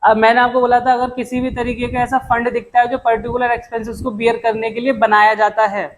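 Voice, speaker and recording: A young man with a strikingly high voice teaches an accounting class. He talks in a brisk, chummy way and calls his students "beta" and "dost." speech runs through his English accounting terms. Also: little pitch movement, slight background noise, poor audio. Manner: mixes English terms into explanations. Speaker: commerce tutor. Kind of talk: classroom lecture.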